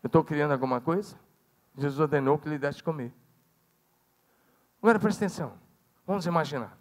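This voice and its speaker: A Brazilian Portuguese-speaking pastor preaches a sermon in a church sanctuary, talking fairly quickly. He swings dramatically from loud calls to hushed, low passages, and the recording carries the long reverb of a church hall.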